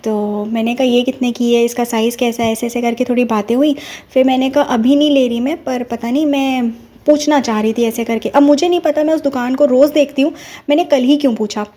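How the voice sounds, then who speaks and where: A woman's voice: a little high, steady tone, fairly quick, warm tone. A young woman telling a personal devotional story in an earnest, casual storytelling way. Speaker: devotee sharing a personal experience. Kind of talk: casual spoken testimony.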